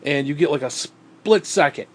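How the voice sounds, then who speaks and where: A vlogger with a stuffed-up nose rambles bitterly and profanely into a tablet. His nasal voice runs on the high side at a normal speed.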